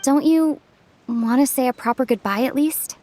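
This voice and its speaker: A woman voicing a gentle, concerned companion in a video game, hesitant and pleading. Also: sits high, normal speed, lightly acted. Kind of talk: scripted video game acting. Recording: clear background noise with clicks.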